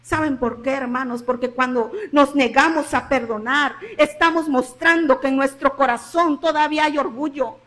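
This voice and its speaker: Woman pastor, Mexican Spanish accent, bright forceful tone, repeats lines for emphasis. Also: high voice. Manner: impassioned preaching, swinging between loud emphasis and hushed drops. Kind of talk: sermon.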